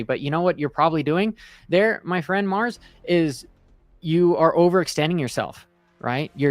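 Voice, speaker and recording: A man's voice: medium pitch, no echo, studio quality. A man giving casual livestream trading commentary, emphatic and repetitive with frequent check-ins, speaking with half his face numb from the dentist. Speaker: crypto trading streamer.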